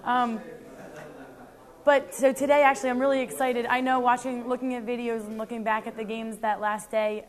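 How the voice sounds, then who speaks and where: Earnest young woman athlete, slightly high voice. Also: flat delivery, normal speed. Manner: earnest, with frequent ums and restarts. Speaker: CrossFit athlete. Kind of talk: reflective interview answers.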